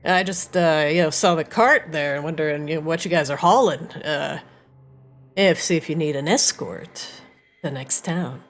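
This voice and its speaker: A woman voicing a shady male highwayman in a tabletop game, hesitant and drawn-out, wheedling with false casualness. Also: slight background noise. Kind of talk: tabletop game role-play.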